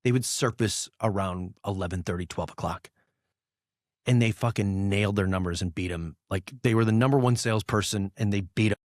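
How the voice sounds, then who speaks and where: A man's voice: on the low side, brisk, no echo, studio quality. Blunt, profane male podcast host. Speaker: podcast host, business owner. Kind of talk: casual conversation.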